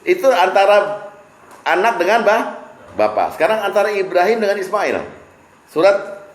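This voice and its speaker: A man's voice: high voice, expressive, moderate pace. Man preaching in an echoey room. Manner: jokey, asks the audience questions. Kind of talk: informal religious study talk.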